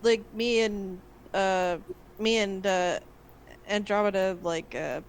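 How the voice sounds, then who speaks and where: A woman playing in a tabletop game, cutting in quickly and sounding slightly exasperated. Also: mid-range voice, steady tone, smooth, poor audio. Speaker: player. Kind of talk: casual tabletop play.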